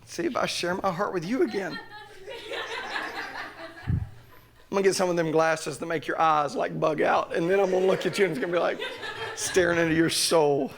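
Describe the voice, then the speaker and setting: A young man preaching a sermon in church, joking and fervent, swinging between loud preaching and quiet asides. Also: high voice, moderate pace, gravelly, pauses often. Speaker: pastor. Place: church sanctuary.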